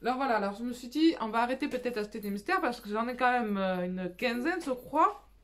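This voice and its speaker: A woman's voice: fairly high pitch, expressive, fast. A young woman hosting a coloring channel, chatting casually at home, rambling with many fillers and restarts. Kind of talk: casual chat, showing coloring purchases.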